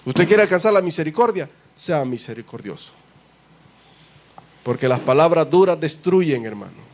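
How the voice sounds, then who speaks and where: A pastor preaches in a church with a somewhat high voice. He presses his points with emphatic rhetorical questions, calling out to his listeners as brothers. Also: lively intonation, moderate pace. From El Salvador. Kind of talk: sermon.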